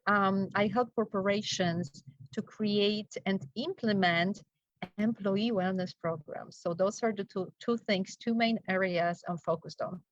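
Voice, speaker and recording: A middle-aged Polish woman with a Polish accent and a mid-range voice speaks at a measured pace, her dry recording dull and lo-fi. She's a travel wellness coach appearing as a guest in a casual interview, telling her story chattily, laughing often and checking in with "right?".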